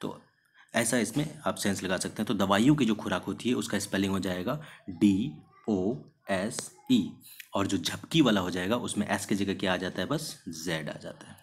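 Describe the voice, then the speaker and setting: A man teaching English vocabulary in Hindi, mixing in English words. He keeps asking rhetorical questions and answering them himself, and slows down to spell out and stress example sentences. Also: deep voice, slightly rough. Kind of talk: classroom-style vocabulary lesson.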